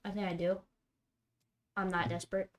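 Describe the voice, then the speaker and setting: A streamer playing a card game keeps up live commentary on her own play, talking to herself and erupting in exasperation at her bad luck. She speaks in a mid-range, level voice at normal speed.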